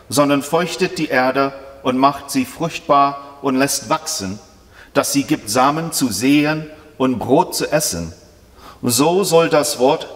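A middle-aged man reads a scripture lesson at a steady, even pace in a mid-range voice. His reading rings with a long reverb in the church. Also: mid-range voice. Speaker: lay reader. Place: church, in front of a brick wall.

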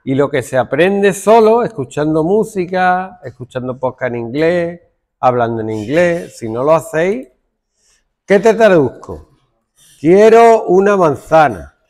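Lively, slow-talking male teacher. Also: a little high. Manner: thinks aloud while working, stern asides to students. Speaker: computing teacher. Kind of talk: classroom coding demonstration.

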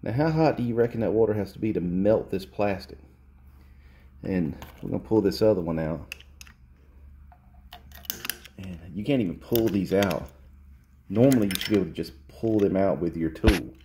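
Filming with a handheld phone camera close to the repair, a technician in a cluttered workshop shows his work and lectures bluntly, restating points for emphasis. His warm, low voice moves at normal speed with frequent pauses, and there's a little hiss or hum.

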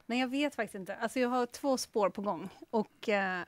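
A woman's voice: a little high, a crowd in the background. A Swedish woman, an economics journalist, as a guest in casual studio chat, sounding light and a little unsure.

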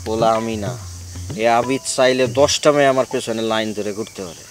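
A man's voice: medium pitch, fairly even intonation, fairly quick, background noise, close to an everyday voice. An actor playing a gossipy, boastful village young man in a comedy TV drama.

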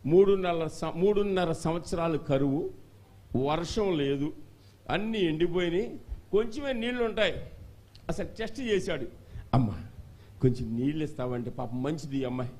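A bishop preaching a sermon to a congregation, quizzing them and calling out for answers, rising to shouts at the peaks. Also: male voice, fairly high pitch, moderate pace, pauses often. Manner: animated call-and-response, questioning the congregation; shouts at climaxes.

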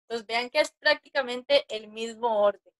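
A woman's voice: fairly high pitch, normal speed. A woman teaching a class over a video call, patiently counting strokes aloud and often checking in with her listeners. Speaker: Japanese teacher. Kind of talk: online class explanation.

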